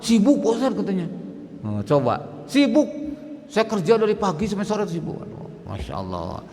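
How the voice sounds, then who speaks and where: A man's voice: high voice, huge pitch swings, moderate pace, warm tone. A man preaching at a mosque, telling a story dramatically and acting out the dialogue. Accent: Indonesian. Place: mosque hall. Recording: long hall reverb in mosque.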